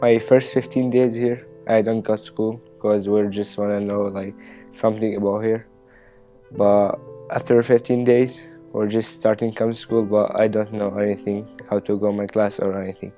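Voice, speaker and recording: A young man speaks hesitant, simple English as a student learning the language. His low voice is dark and nearly monotone, with faint music underneath. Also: normal speed. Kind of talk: interview testimonial. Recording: soft music bed underneath.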